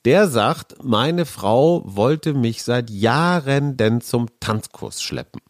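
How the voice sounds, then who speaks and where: A man's voice: medium pitch, animated, slow, no room sound, clean studio sound. Jokey man hosting a podcast. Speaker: podcast host. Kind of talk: casual podcast chat.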